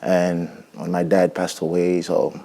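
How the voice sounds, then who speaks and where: A man from Haiti in his forties, speaking with a Haitian accent as a musician guest in a studio interview. He talks in a halting, reflective way and often restarts his sentences. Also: sits low, completely flat delivery, creaky, dark tone. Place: TV studio set. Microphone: lapel mic.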